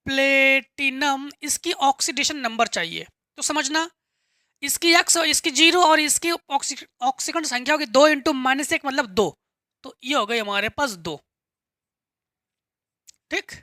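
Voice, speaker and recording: A woman with a high, bright voice teaches chemistry. She works through each step patiently, asking a question and then answering it herself. The recording is close and dry. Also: unhurried, pauses often, no room sound. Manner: patient, asks and answers her own questions, repeats key words. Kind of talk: classroom lesson explaining step by step.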